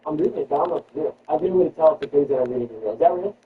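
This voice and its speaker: A man's voice: expressive, rapid-fire, narrow, tinny audio. Sarcastic man with squealing bursts. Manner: sarcastic, jumps into high mock-outraged squeals. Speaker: comedy podcast host. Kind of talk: comedic news riff with retakes. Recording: distant mic with background noise.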